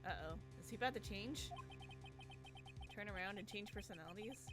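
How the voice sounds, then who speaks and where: A woman's voice: mid-range voice, normal speed. A woman giving casual, sweary, exclamatory commentary while streaming a game. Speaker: streamer playing a visual novel. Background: game music.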